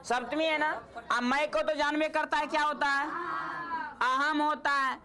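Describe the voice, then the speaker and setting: A woman's voice: high voice, little pitch movement, measured pace, crowd noise, noisy background. A woman teaching a Sanskrit class, quizzing and teasing her students.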